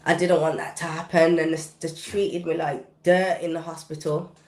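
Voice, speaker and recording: A woman's voice: low-pitched, flat delivery, normal speed, a little mellow, reverberant. A British woman, a guest recording artist, recounting a personal story in a podcast interview with vivid, intense, casual delivery. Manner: vivid, intense retelling with casual dialect grammar.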